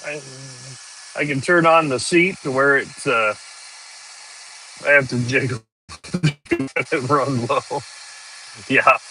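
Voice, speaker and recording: A man's voice: medium pitch, slow pace, pauses often, sharp tone, faint music behind, rough recording. A man, chatting casually and rambling on a live stream from a tractor cab, laughing easily. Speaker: farm worker livestreaming.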